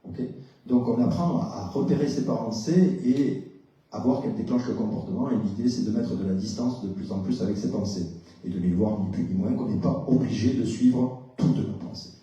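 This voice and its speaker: A man's voice: lowish voice, normal speed, mellow. A man, a psychologist, giving a conference talk, explaining step by step, putting questions to the audience and often hesitating with "euh". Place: lecture hall, indoors. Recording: very echoey hall, distant mic.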